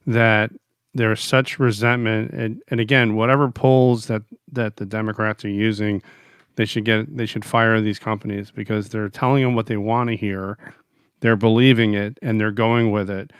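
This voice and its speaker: A man's voice: lowish voice, steady tone, moderate pace, a bit bright, smooth, dry recording, studio quality. A middle-aged man co-hosting a political chat podcast, rambling and restarting his sentences as he goes. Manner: rambling, restarts often, chuckles. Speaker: podcast co-host.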